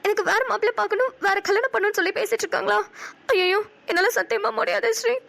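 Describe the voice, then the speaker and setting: A woman's voice: very high-pitched, steady tone, quick pace, vocal fry, fairly bright tone, exaggerated voice. A woman voicing an anxious, heartbroken young mother in a cartoon, crying and pleading. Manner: tearful, pleading.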